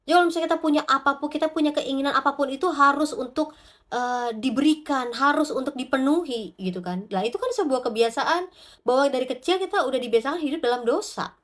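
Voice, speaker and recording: High-voiced woman preaching a lively devotional sermon. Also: quick pace. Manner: animated, acts out little quoted prayers and voices.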